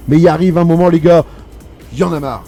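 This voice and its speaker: A man's voice: fairly high pitch, fast talker, dark tone, faint music behind. A man in his forties from northern France, chatting casually and jokingly while playing a truck driving game, swearing freely. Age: 40s. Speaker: streamer playing a truck simulator.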